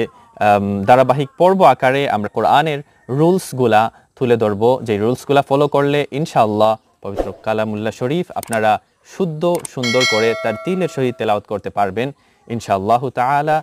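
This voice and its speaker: A man teaching Quran reading, pronouncing each Arabic letter slowly and repeating it for listeners to say along. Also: medium pitch. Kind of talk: slow spoken lesson on Arabic letter pronunciation.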